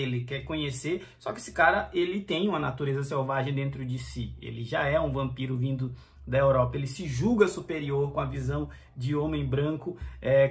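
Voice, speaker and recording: A man's voice: medium pitch, gravelly. A man with a Brazilian Portuguese accent, casually reviewing a comic book and chatting to his viewers with frequent fillers and restarts.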